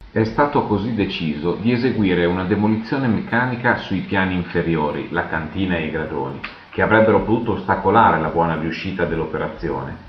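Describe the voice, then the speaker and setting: A man giving a measured, matter-of-fact scripted narration for a technical documentary. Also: sits low, slight background noise. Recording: echoey, dull lo-fi voice-over.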